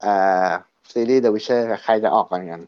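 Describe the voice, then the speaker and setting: A man's voice: fairly low pitch, moderate pace, darkish tone, clean tone, highs cut off. A man co-hosting a casual chat show, talking with many fillers and restarts. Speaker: podcast co-host.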